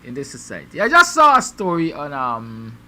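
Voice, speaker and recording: Guyanese male host, bright forceful tone, rhetorical musing monologue, faint ambience in the background. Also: on the high side, wildly swooping pitch, moderate pace, a little hiss or hum. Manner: musing, rhetorical questions, sarcastic. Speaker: morning show host. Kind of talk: opinion monologue to viewers.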